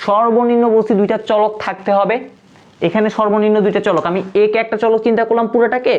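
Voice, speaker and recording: Quick-talking woman tutor, lo-fi sound. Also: medium pitch, a little mellow. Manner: patient, asks and answers her own questions. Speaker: online tutor. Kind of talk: live class lecture. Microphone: phone. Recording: dull lo-fi stream audio.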